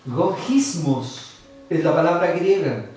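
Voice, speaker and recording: Chilean male pastor, fairly high voice, animated preaching, miked from afar in a reverberant hall. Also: takes it slowly. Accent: Chilean Spanish. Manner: lively preaching, acting out voices of others. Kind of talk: sermon. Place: church. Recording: far-off mic in echoey church hall.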